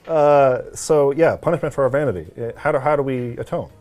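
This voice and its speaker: A man's voice: medium pitch, brisk, a little mellow, soft background music. A man in a casual chat about a video game, easygoing and agreeable, summing up scenes. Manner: easygoing, agreeable, many fillers of yeah and um. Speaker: co-host discussing a video game.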